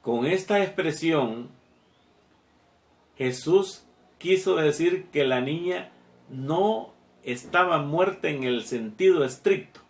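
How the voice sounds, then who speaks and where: A man preaching a sermon, talking slowly and haltingly, with many fillers and repeated words. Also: fairly high pitch, animated, reverberant.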